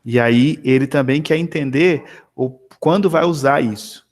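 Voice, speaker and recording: A man tutoring math one-on-one over a video call, chatting in an animated, storytelling way with many tag questions. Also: medium pitch, a little slow.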